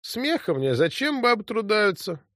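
A man's voice: high voice, sing-song, normal speed, fairly bright tone, no echo, clean studio sound, pitched above the performer's own voice. A man voicing a mournful older male Cossack cart driver who muses sorrowfully. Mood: bitter. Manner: sorrowful, musing.

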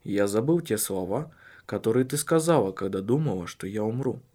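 A man voicing a calm, measured husband in an audiobook, speaking earnestly and carefully. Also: mid-range voice, close to an everyday voice. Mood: earnest, probing.

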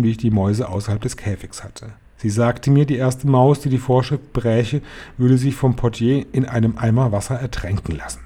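A man reading a children's novel aloud in a calm, even storytelling voice. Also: medium pitch. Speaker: reader. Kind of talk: audiobook narration.

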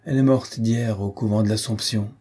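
A man voicing a dying, bitter aging nobleman with a husky, dark voice, speaking in mournful, declamatory tones. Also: on the low side, steady tone, a little fast. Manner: mournful, declamatory, grows fierce.

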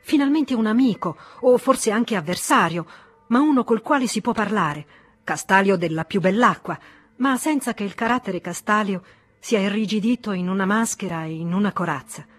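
A woman's voice: mid-range voice, moderate pace, lightly acted. A woman reading a bitter, worldly old friend. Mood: reproachful. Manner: reproachful, emotionally charged. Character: agitated worldly middle-aged man, bitter old friend. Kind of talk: audiobook reading.

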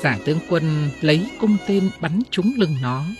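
A woman reading classic ghost tales aloud in an expressive, dramatic storytelling style. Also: deep voice, a little slow, faint music behind. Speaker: audiobook reader.

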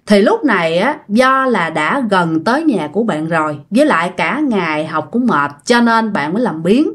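Lively Southern Vietnamese woman storyteller. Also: medium pitch, normal speed. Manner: chatty, addresses listeners directly. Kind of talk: casual ghost story retelling.

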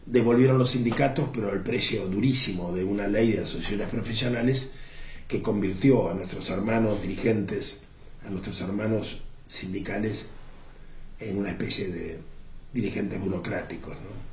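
A man in his seventies with an Argentine Rioplatense accent, recounting political history in a reflective, unhurried way, often pausing on filler words. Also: lowish voice, a little mellow. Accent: Argentine Rioplatense Spanish. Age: 70s. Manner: reflective, unhurried storytelling with frequent "este" fillers. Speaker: interviewee. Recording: roomy with faint background noise.

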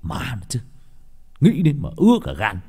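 A man's voice: medium pitch, huge pitch swings, moderate pace, mellow, husky, big-room sound, pitched above the performer's own voice, exaggerated voice. A man voicing a hot-headed middle-aged son who speaks bluntly. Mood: agitated. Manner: blunt, agitated.

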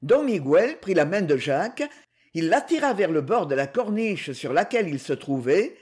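A man narrating an adventure novel as an audiobook, in an expressive, dramatic reading. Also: high voice, normal speed, slightly rough.

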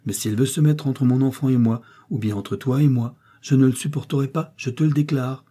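A man's voice: mid-range voice, fairly quick, mellow, husky, pitched above the performer's own voice, close to an everyday voice. A man voicing a fierce young mother. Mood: trembling anger. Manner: heated, trembling defiance. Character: young miller's wife, proud and fiercely protective mother.

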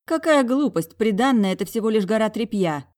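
A woman voicing a flustered young heroine who protests loudly and indignantly. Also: fairly high pitch, expressive, a little fast, pitched above the performer's own voice, lightly acted.

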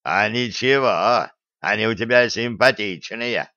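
Man voicing a gruff giant ex-convict, low booming voice, prison slang, dull dry sound. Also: unhurried, pushed and bright, dry recording. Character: huge gruff male ex-convict, slangy and easygoing. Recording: dull dry close recording.

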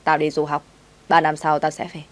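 A woman voicing a bossy, gruff young rich master who scolds and gives orders. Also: sits low, completely flat delivery, fairly quick, natural voice. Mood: scolding. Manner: scolding, commanding.

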